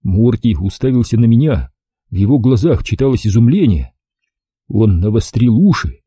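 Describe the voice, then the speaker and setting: Dark, husky male audiobook narrator. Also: mid-range voice, expressive, normal speed, dry recording, clean studio sound.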